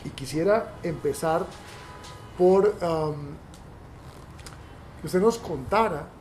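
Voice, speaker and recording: A man interviewing a guest, asking polite and unhurried questions in a formal way. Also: fairly high pitch, darkish tone. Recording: echoey room with faint background noise.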